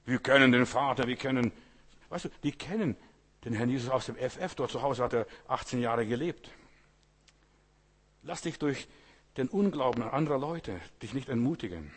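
Husky male preacher, conversational sermon. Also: mid-range voice. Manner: conversational, keeps asking the audience "weißt du"; repetitive exhortation, rising loud on key phrases.

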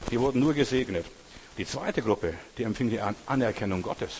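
A man preaching a sermon, asking his listeners direct questions and swinging between quiet stress and loud raised lines. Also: mid-range voice, a little fast, slight background noise. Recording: long hall reverb.

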